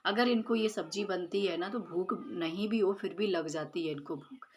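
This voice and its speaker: A woman's voice: fairly low pitch, normal speed, breathy edge. A woman in her thirties, a mother, chatting through a home cooking and chores vlog, explaining each step with many fillers. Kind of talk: casual voice-over narration of cooking and chores. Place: home kitchen.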